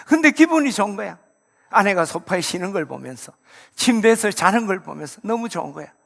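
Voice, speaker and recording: A man preaching a sermon as pastor, lively, breaking into loud exclamations and acted-out quotes. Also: high voice, vocal fry, long reverb tail. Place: church sanctuary.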